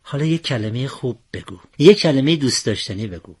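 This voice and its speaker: A man's voice: mid-range voice, animated, darkish tone, breathy edge. A man voicing a patient father teaching his son a life lesson in a told story. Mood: calm teaching. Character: wise patient father, calm middle-aged man.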